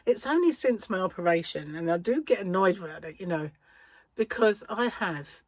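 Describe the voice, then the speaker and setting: Chatty British woman, lowish voice, slight speech impediment. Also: animated, moderate pace, darkish tone, dry recording. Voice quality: slight speech impediment, words occasionally not forming cleanly. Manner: chatty, self-deprecating, meandering. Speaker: crochet vlogger and yarn shop owner. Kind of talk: casual rambling vlog chat.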